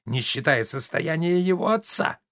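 A man's voice: fairly high pitch, lively intonation, moderate pace, gravelly, a bit bright, dry recording, clean studio sound, pitched above the performer's own voice. A man voicing a grumpy, bossy older invalid father in a play reading, blustering and irritable. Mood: stubborn.

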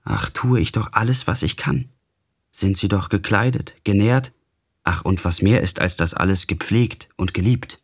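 A man voicing a gentle, devout young woman full of grief in a literary radio reading, his voice husky. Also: deep voice, normal speed. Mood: tender grieving.

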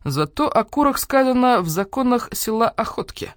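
A woman voicing a stern, gruff elder badger in a storybook. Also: on the high side, lively intonation, normal speed, no echo, studio quality, voice pushed up, natural voice.

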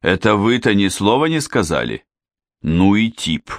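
A weary police inspector with a low voice and a dry, ironic manner. A man reads him close to the mic with little room sound. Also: big pitch swings, unhurried, no room sound.

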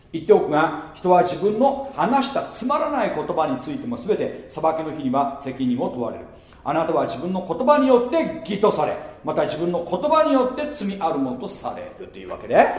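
Lively male preacher in an echoey hall. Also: on the high side. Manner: lively, mutters mocking asides and laughs at his own jokes. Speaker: pastor. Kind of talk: sermon.

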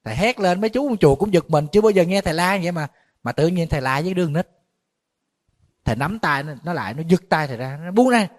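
A man, a Buddhist monk giving a conversational dharma talk, a little tired, animated when he tells stories. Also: on the high side, fast talker. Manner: conversational storytelling, animated when retelling shouting.

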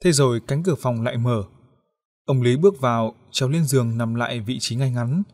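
A man's voice: medium pitch, brisk, darkish tone. Man narrating a horror audiobook. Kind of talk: scripted horror story narration.

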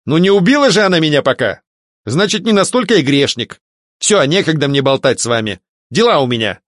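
A man reading an audiobook, voicing a pompous, panicky nobleman who yells in high yelps. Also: very animated, brisk, no room sound, clean studio sound. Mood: boastful.

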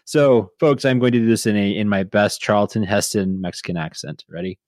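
Low-voiced joking man on podcast. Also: brisk, darkish tone, dry recording, clean studio sound. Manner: jokey, hamming up mock accents. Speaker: podcast co-host. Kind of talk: casual chat, reading a plot synopsis.

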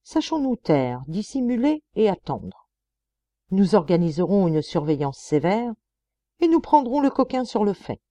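A woman voicing a shrewd young male police detective who reasons calmly and persuasively. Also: medium pitch, unhurried, no room sound.

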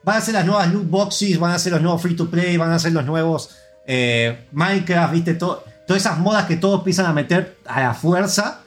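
A man's voice: sits high, normal speed, soft background music. A man with an Argentine accent hosting a podcast in casual chat, rambling and opinionated with lots of fillers. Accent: Argentine Spanish. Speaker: podcast host.

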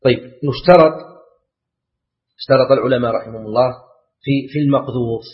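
A man's voice: mid-range voice, a little fast. Male sheikh, lecture delivery, repeats points, rhetorical questions to the class, dull lo-fi recording. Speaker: sheikh teaching Islamic law. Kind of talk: classroom lecture explaining a text.

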